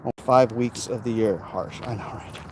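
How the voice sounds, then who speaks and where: This American man has a lowish, slightly mellow voice and talks at normal speed. He's a live-stream vlogger outdoors in his backyard, answering viewer comments in a casual, opinionated, emphatic, improvised way, like he's chatting to viewers. Traffic sounds and noisy city ambience come through the recording.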